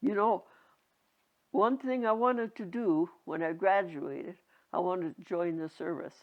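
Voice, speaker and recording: A very old woman in her nineties reminiscing casually, halting and rambling, with a creaky aged voice. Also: lowish voice. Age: 90s. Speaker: interviewee. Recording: dull lo-fi home recording.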